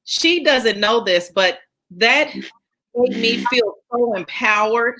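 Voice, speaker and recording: A woman's voice: on the high side, very animated, takes it slowly, pushed and bright, slight background noise, low-quality recording. A woman hosting a live podcast stream, greeting viewers by name with upbeat faith-centered encouragement and reading her guest's bio. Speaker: podcast host.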